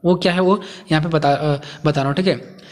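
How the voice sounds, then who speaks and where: रुक-रुक कर समझाता शिक्षक, गूंजता कमरा. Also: male voice, a little high, steady tone, fairly quick, a little mellow, long reverb tail. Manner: repetitive, asks and answers own questions. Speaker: teacher. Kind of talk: explaining lecture.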